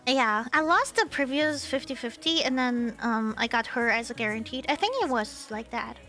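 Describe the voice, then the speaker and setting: A woman's voice: fairly high pitch, moderate pace, sharp tone, soft background music. A woman streamer chatting casually on a livestream, rambling and teasing, with restarts as she thinks aloud.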